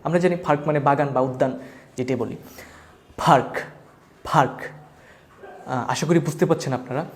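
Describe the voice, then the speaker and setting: A man with a fairly high voice, his first language Bengali, teaching a spoken lesson. He goes over each drilled word several times, slow and patient, like a classroom teacher. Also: darkish tone. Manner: repeats drilled words slowly and patiently. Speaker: English teacher.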